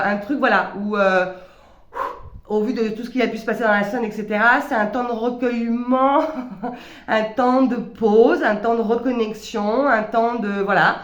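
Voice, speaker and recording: A woman talking reflectively in a personal vlog, hesitant, with many stammered restarts. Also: on the high side. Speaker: vlogger. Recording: roomy echo.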